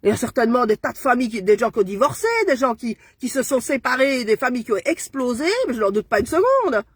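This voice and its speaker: Furious ranting woman, high voice. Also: expressive, quick pace, breathy edge, dry recording. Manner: furious, ranting, keeps tagging "hein". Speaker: Facebook live streamer. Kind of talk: angry live-stream rant.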